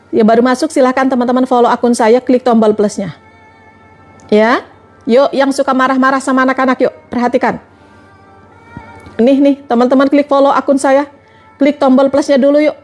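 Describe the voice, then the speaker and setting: A woman's voice: high-pitched, darkish tone. A woman giving a religious talk on a live stream, asking her listeners question after question. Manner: repetitive rhetorical questioning.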